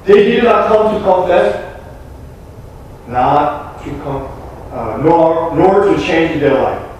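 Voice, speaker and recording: A young man with a Korean accent, a pastor delivering an earnest, emphatic sermon with deliberate pauses. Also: a little high, animated, a little mellow, a little hiss or hum. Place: small church sanctuary. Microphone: room mic from a distant camera. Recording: echoey church from far off.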